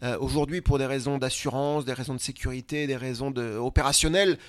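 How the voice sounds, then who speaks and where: Male guest, chatty storyteller, middle-pitched voice, dry close recording. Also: smooth, dry recording. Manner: lively, lists places in quick runs. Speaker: guest, traveler and speaker. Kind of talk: conversational storytelling.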